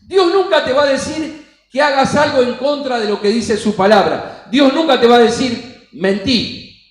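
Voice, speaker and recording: A man's voice: very high voice, moderate pace, reverberant, rough recording. A man with an Argentine Spanish accent preaching a sermon in a church, emphatic and acting out the voices he quotes. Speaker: pastor.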